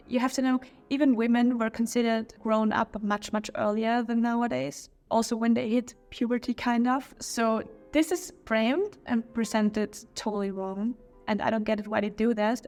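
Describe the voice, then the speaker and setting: A German-speaking woman with a fairly high, slightly mellow voice hosts a history channel in English with a German accent. Her video review is casual and opinionated, with small slips and restarts.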